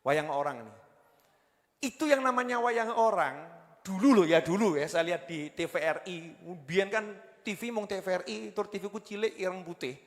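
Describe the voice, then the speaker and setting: A man with a Javanese accent preaching a sermon, swinging between loud exhortation and low joking asides. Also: normal speed, long reverb tail.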